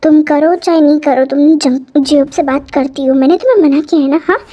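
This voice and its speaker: A woman's voice: sits high, a little fast, warm tone, muffled recording, pitched below the performer's own voice, lightly acted. A woman voicing a possessive, jealous young husband who stammers as he commands and pleads, in a fan-fiction story. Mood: angry, possessive. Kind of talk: Hindi fan-fiction voice acting.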